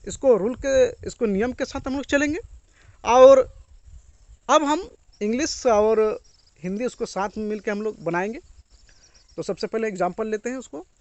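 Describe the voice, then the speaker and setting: A man giving a casual lesson, repeating phrases and slowing down on the English ones. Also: very high-pitched, dry recording. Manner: repetitive, slow when stating English phrases. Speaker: English teacher and YouTuber.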